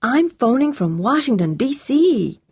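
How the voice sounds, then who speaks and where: A woman voicing a young man on the phone faking a dead man's voice, in an overdone, giggly falsetto. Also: sing-song, unhurried, a little mellow, husky, dry recording, heavily acted. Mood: teasing. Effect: phone line.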